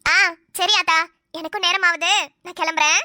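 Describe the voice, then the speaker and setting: A woman's voice: very high voice, fairly even intonation, moderate pace, sharp tone, no echo, studio quality, heavily acted. A woman voicing a bold, cheeky young girl in a cartoon. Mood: reassuring. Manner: teasing, self-assured. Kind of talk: cartoon voice acting.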